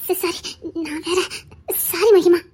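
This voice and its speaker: A woman's voice: very high voice, fairly even intonation, takes it slowly, mellow, pitched below the performer's own voice. A woman voicing a fond older aunt and mother-in-law in an audio love story, soothing and insistent. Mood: coaxing.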